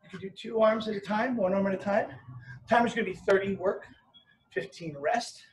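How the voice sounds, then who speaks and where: In a hard-walled home gym or patio space, a man in his fifties coaches fitness, explaining workout moves step by step. His voice is high and his speed normal. A camera a few metres away makes the audio roomy and distant, with background noise.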